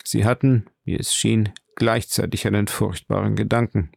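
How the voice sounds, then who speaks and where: Low, gravelly male audiobook narrator. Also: level tone, normal speed, dry recording, clean studio sound.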